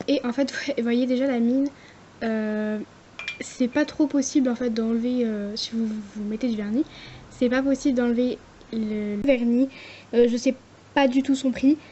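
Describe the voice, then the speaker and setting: A woman's voice: fairly high pitch, mellow, dull audio, a little hiss or hum. A young woman casually reviewing her favorite nail products, chatty and hesitant, with lots of fillers. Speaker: nail art vlogger.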